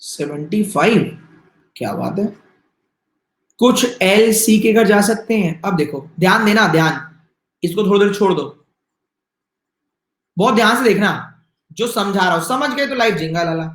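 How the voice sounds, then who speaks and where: A man with a Hindi accent teaches an online exam-prep class, talking in a fairly high voice. He explains with lively, teasing asides and acts out little dialogues. The sound carries a noticeable room echo.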